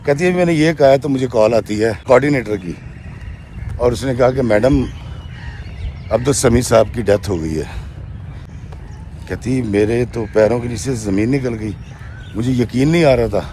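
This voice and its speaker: Addressing his viewers now and then as friends, a man tells a true story, relaying a woman's account in her words and often adding "she says." He speaks in a mellow, mid-range voice with long pauses, over a slight hiss or hum.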